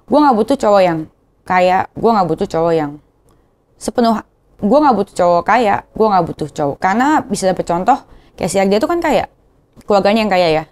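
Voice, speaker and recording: A woman's voice: medium pitch, lively intonation, brisk, darkish tone. A young woman with a Jakarta slang accent, talking in a casual confessional vlog, emotional and rambling, often repeating herself. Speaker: vlogger.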